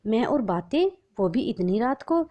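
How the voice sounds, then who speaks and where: A woman's voice: on the high side, very animated, a little slow, dull audio, voice pushed up. A woman voicing a scheming young daughter-in-law with an impatient, scolding manner. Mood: falsely sweet. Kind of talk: storybook narration.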